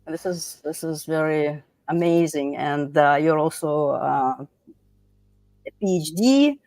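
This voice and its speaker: A woman's voice: low voice, a little slow, a little mellow, dry recording. A woman hosting a livestream panel over a video call, chatty, with many fillers and restarts. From United States. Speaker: livestream host.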